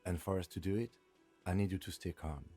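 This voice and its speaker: Low, composed police lieutenant. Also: male voice, a little fast, faint music behind. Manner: calm, formal and precise. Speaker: game character.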